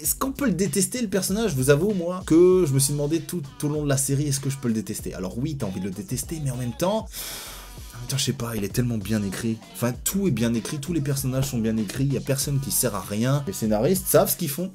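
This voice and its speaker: A young man reviewing a TV series in a casual video, frank and enthusiastic, swinging between excited outbursts and low asides.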